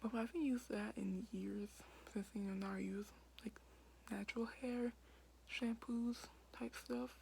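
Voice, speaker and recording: Gravelly-whispering young woman at night. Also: a little high, steady tone, measured pace, a little hiss or hum. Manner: whispering quietly, many fillers like "like". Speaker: vlogger. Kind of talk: casual whispered vlog. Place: basement at night.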